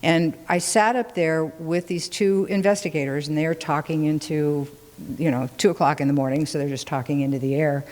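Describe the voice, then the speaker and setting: A woman's voice: sits low, fairly even intonation, normal speed, a little mellow. A woman doing informal fireside storytelling to a group in a conversational, rambling, descriptive way. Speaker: host of a ghost story talk. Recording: long hall reverb.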